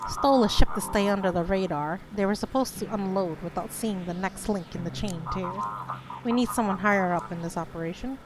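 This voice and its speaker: A woman reading a brisk coast guard officer giving a businesslike briefing, on a noisy recording. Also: mid-range voice, lightly acted.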